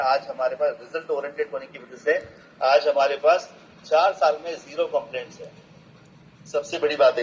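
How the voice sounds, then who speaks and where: Male presenter, persuasive pitch-meeting delivery, dull lo-fi recording. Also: a little hiss or hum. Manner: rallies the audience with rhetorical questions. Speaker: business presenter. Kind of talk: motivational sales presentation. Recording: dull lo-fi sound with faint ambience.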